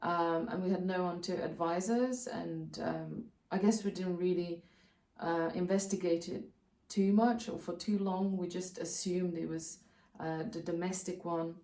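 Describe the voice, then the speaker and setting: A woman, calmly explaining practical steps in a casual vlog, often pausing to think. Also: lowish voice, distant mic. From Slovakia. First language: Slovak. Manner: practical, step-by-step explaining with frequent hesitations. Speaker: co-host of a channel about moving abroad. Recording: roomy sound, voice off-mic.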